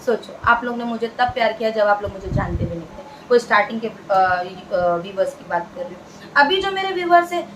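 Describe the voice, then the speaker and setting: A woman's voice: mid-range voice, animated, fairly quick, fairly bright tone, slight background noise, poor audio. A woman from India, talking casually to the camera as a vlogger, earnest and chatty, repeating phrases for emphasis.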